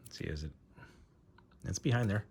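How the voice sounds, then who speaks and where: A man with a fairly low voice talks through a hands-on repair, pausing and restarting as he works. The delivery is casual and plain. Faint noise and soft mechanical clicks sit behind him. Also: lively intonation. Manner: halting, many fillers and restarts, talks while working. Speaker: host demonstrating pistol disassembly.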